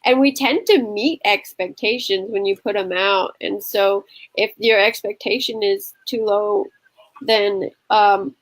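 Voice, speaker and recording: A woman's voice: mid-range voice, fairly even intonation, unhurried, low-quality recording. A young adult woman hosts a casual live-stream conversation. She speaks thoughtfully and laughs easily between points. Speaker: host.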